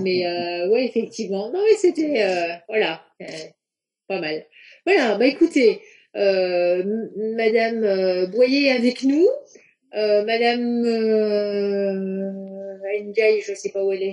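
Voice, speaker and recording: A woman's voice: mid-range voice, unhurried, a little mellow. A woman teacher giving casual, hesitant feedback to students over a video call, with many restarts. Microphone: video call on computer.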